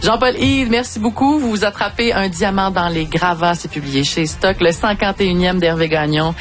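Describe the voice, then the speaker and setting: A woman with a Quebec French accent hosts a radio book show, chatting with guests and asking quick follow-up questions. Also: lowish voice. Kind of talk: casual chat.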